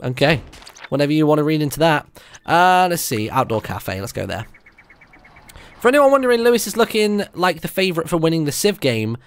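A young British video game streamer, voice on the high side with big pitch swings, talks fairly quickly as he plays. His commentary is casual and chatty, mostly thinking out loud for viewers. He uses a close microphone on a stand at his home setup indoors, with game music in the background.

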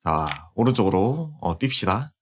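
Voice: deep voice, big pitch swings, measured pace, slight background noise. A game streamer giving casual live commentary while playing.

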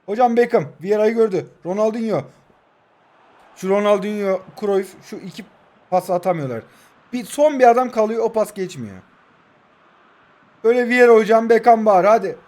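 High-voiced young man, heated game commentary. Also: normal speed, long pauses, a little mellow. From Turkey. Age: 20s. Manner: heated, urging players on, trash-talking the opponent. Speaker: mobile football gamer. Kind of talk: live gameplay commentary.

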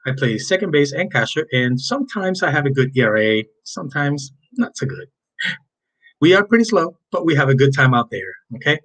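Over slides in a recorded class introduction, a man in his fifties from Cuba presents himself to students as their Spanish teacher, friendly and chatty, in native Cuban Spanish-accented speech. His voice is on the high side, sing-song, fairly quick, and a bit bright, on a rough recording.

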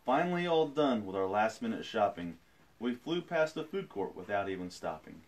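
Playful dad reading a storybook aloud. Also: male voice, big pitch swings, normal speed. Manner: playful, breaks off for jokey asides; swings pitch widely, jumps high for quoted voices. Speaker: father reading to his daughter. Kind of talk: live-streamed storybook reading.

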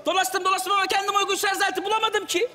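A squeaky beeping phone-man. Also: little pitch movement, very fast, bright, forceful tone, exaggerated voice. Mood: odd. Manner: squeaky, mechanical beeping noises. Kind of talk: stage sketch comedy. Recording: live stage, hall reverb.

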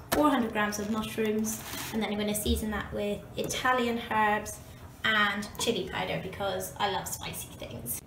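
This student vlogger from Scotland is a young adult woman whose voice sits on the high side. She cooks in a cramped kitchen and talks cheerfully to the camera in a casual cooking vlog. Sound comes from a camera mic, first held and then propped up, with kitchen echo and a faint background hum.

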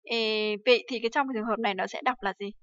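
A woman's voice: on the high side, steady tone, very fast, a bit bright, no room sound. A woman from Vietnam teaching Japanese in a livestream lesson, often asking rhetorical questions and using many fillers. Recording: dry, slightly dull livestream audio.

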